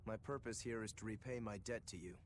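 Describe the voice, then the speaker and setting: An actor playing a calm, plain-spoken young swordsman in a video game. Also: lowish voice, fast, a little hiss or hum, lightly acted.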